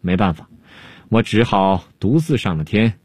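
Storybook role: a crafty court jester, drawling and teasing, husky and animated, put on by a male storyteller. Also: fairly low pitch, a little slow, no room sound. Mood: sly. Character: sly unhurried witty male court jester.

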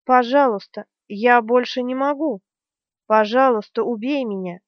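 Woman playing a fierce female warrior, shrill, loud, desperate, audiobook, dry sound. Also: lively intonation, normal speed, no room sound, close to an everyday voice. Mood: furious desperation. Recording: dry, slightly dull studio sound.

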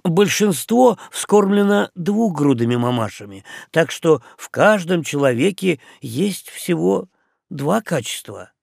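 A calm, oddly philosophical young ship's boy, as a male reader puts him on. He talks slowly in a lively, rising and falling voice with a gravelly edge. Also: on the high side, no room sound, studio quality, exaggerated voice. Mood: matter-of-fact.

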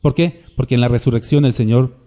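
A man's voice: medium pitch, a little fast, warm tone. A man preaching a sermon in a conversational way, with asides to his congregation.

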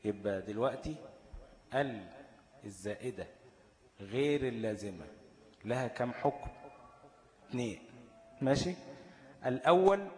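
Egyptian male teacher, mid pitch, rhetorical self-quizzing delivery, echoey room. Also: a little mellow. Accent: Egyptian Arabic. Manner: asks questions and answers them himself, checks understanding often. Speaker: Quran recitation teacher. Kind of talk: explanatory lesson.

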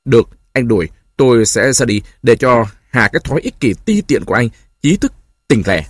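A man voicing a bitter, defiant young wife who speaks in a sharp, heated and scornful way. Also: medium pitch, very animated, moderate pace, no echo, studio quality. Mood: furious.

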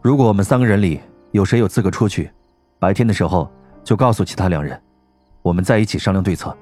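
A man voicing a calm, composed young man who speaks in a flat, clipped way. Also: low voice, fast, soft background music, pitched below the performer's own voice, lightly acted. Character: cool, composed young man, terse and wary.

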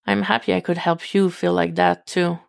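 A woman reader voicing a worn-out young man who talks softly and tiredly in a podfic. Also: sits high, little pitch movement, moderate pace, creaky, clear, resonant tone, no room sound, clean studio sound. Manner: soft and sleepy.

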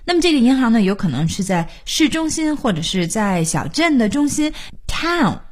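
A woman's voice: a little high, sing-song, moderate pace. A woman hosting a studio radio lesson, patiently explaining words and spelling them out letter by letter. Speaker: radio English teacher.

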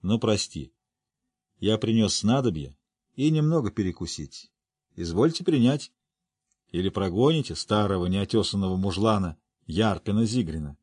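A man voicing a gruff, boisterous older male dwarf who talks in a rough, folksy, teasing way. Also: lowish voice, animated, normal speed, a little mellow, dry recording, studio quality. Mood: gruff jovial.

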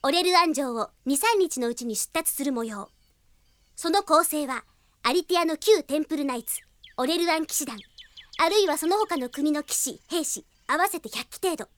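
Est, a very high-pitched perky girl knight. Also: animated, normal speed, fairly bright tone, no room sound. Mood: cheerfully businesslike. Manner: chirpy, teasing, playfully theatrical. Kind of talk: Japanese radio drama acting. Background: music.

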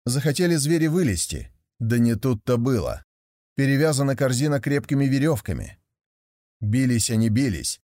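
A man reads a fairy tale aloud in a steady, measured way, his voice at a middle male pitch. The recording is close and completely dry, with no room sound. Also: dry recording. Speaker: narrator.

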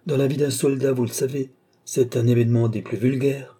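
A man voicing a young army officer who speaks gently and with concern to his sister. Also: medium pitch, flat delivery, brisk, slightly rough, close to an everyday voice.

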